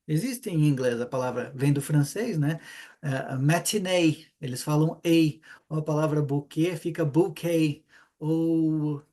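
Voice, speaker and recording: A chatty Brazilian man with a southern accent, leading a relaxed online class. His voice sits a little high for a man, and he keeps tossing in quick check-ins and rhetorical questions as he explains. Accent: Brazilian Portuguese, southern (Paraná). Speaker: Hebrew teacher. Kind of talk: casual online class lecture.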